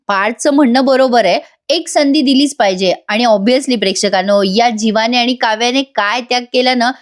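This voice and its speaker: A woman doing a chatty voice-over review of a TV serial episode, talking straight to her viewers. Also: on the high side. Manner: chatty, addresses viewers directly.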